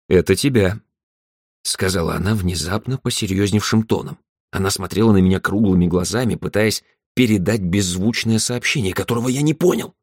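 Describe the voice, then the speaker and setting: A man calmly narrating an audiobook in the first person. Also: lowish voice, dry recording, studio quality.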